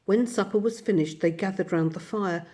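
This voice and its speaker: A woman reading a classic children's storybook aloud in a gentle, unhurried way. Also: mid-range voice. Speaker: narrator.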